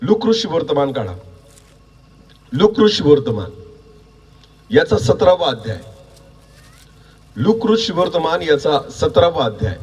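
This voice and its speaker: A man preaching a sermon, quizzing the congregation with repeated questions and building to shouts. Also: on the high side, sing-song, measured pace, pauses often, breathy edge, far from the mic. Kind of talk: sermon with call-and-response.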